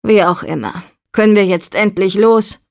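A woman's voice: medium pitch, normal speed, vocal fry, a little mellow, lightly acted. A woman reading the lines of an arrogant young man who lectures condescendingly in a story. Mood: irritated. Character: arrogant bossy young man, boat builder's colleague.

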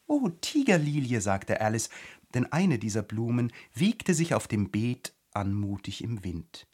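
A man narrating a storybook as an audiobook reading, with expressive storytelling. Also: lowish voice, unhurried.

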